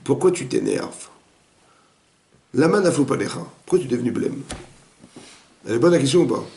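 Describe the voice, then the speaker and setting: A man, a rabbi, giving a lively interactive Torah class, quizzing his students and acting out the dialogue. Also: mid-range voice, fairly quick, gravelly. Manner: animated, questions the students, acts out dialogue. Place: echoey room with students. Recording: roomy echoey room recording.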